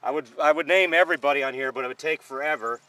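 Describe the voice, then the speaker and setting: A middle-aged man from northern New York gives a rambling, chatty walking tour of an outdoor playground, full of fillers, filmed on a camera held by a cameraman. His voice is fairly high, very fast, bright and forceful. The low-quality recording has no echo.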